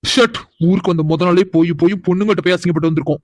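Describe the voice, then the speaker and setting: A man's voice: high voice, racing, no room sound, close to an everyday voice. A man voicing a proud, hot-headed young city man in a cartoon, who talks angrily and boastfully. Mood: vengeful. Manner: angry, boastful, vengeful. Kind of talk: cartoon voice acting.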